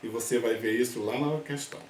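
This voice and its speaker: A man's voice: medium pitch, fairly even intonation, a little fast, darkish tone. A male language teacher giving a remote class, explaining step by step and often checking in with his students. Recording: roomy echo.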